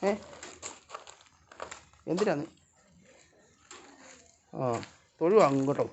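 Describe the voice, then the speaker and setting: A man's voice: a little high, lively intonation, drawn-out words, a little mellow. A man vlogging casually, talking to his dog and cat in a coaxing, scolding way, outdoors at home. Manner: talks to animals in a coaxing, scolding way. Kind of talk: casual chat to pets and camera. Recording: dull lo-fi sound with faint noise.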